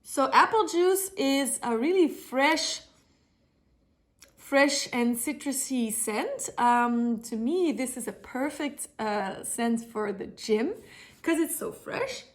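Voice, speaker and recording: Stuffed up with a cold that makes her a bit nasal, this woman reviews a perfume on her vlog in a chatty way, filling it with fillers and correcting herself often. She sounds high-pitched and animated but takes her time.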